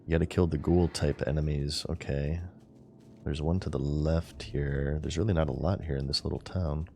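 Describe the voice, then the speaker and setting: A man's voice: very deep voice, fairly even intonation, moderate pace, vocal fry, dark tone, a little hiss or hum. A man casually commenting on his gameplay as a streamer, chatting with viewers as he plays. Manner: chatty, talks to chat while playing. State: hiccuping.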